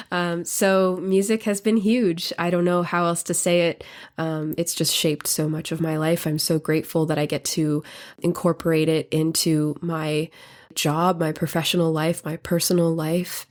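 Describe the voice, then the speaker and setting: A woman's voice: on the low side, a little mellow. A woman hosting her own podcast, talking earnestly and off the cuff while her voice is worn by illness. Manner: earnest, reflective, off the cuff with fillers. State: sick, voice affected by illness. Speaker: podcast host and composer. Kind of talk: casual solo podcast talk.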